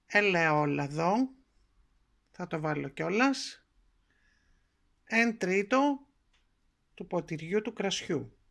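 A woman's voice: fairly low pitch, expressive, gravelly, long pauses, fairly bright tone. Chatty woman cooking at home. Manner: homely, chatty, explaining each step. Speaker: home cook presenting a recipe. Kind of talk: cooking tutorial narration. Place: home kitchen at the stove.

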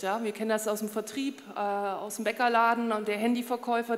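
A woman in her fifties speaking on a conference panel with a handheld mic, measured and with many hesitation fillers. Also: on the high side. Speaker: panelist, communications head. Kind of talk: panel discussion. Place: conference stage in a large hall. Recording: long reverb of event hall.

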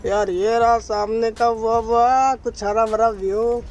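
A young truck driver with a very high, fairly even voice vlogs casually and unhurriedly to his phone held at arm's length, from the cab and the roadside, often saying "guys, yaar". The recording is noisy, with vehicle and road sounds and music behind him.

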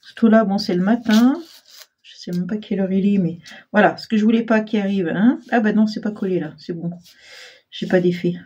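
A woman hosting a casual crafting tutorial, chatty and self-deprecating, full of fillers and clearing her throat often. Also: medium pitch, fairly even intonation, a little fast, mellow, dull audio. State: frequent throat clearing, frog in throat. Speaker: crafting channel host.

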